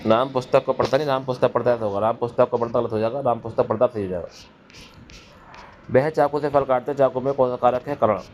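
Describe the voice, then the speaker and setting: A man's voice: mid-range voice, quick pace. A man teaching an exam-prep grammar lesson, asking questions and answering them himself while repeating key terms. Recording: dull lo-fi recording with faint noise.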